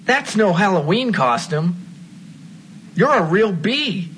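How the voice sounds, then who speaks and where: A man playing a wary, exasperated married man in a scripted drama, stern and deliberate. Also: sits high, big pitch swings, a bit bright, a little hiss or hum, full character voice. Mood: incredulous, wary.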